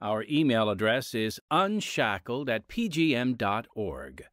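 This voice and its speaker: A man announcing a radio program, reading scripted narration with an earnest, deliberate delivery. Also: medium pitch, very animated, fairly bright tone, no room sound, clean studio sound. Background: music.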